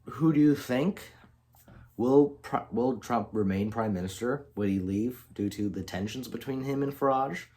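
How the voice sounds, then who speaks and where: A man's voice: mid-range voice, moderate pace, mellow, breathy edge. A man casually telling an alternate-history story as the channel's host, often restarting and correcting himself mid-sentence. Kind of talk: unscripted storytelling narration.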